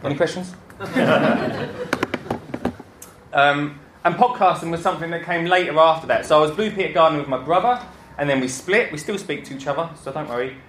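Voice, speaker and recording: A man's voice: on the high side, expressive, brisk, long pauses, a bit bright. A man with an Essex accent gives an informal, joking, self-deprecating talk to an audience as a gardening podcaster. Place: indoor talk before an audience, roomy space. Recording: echoey room with some background noise.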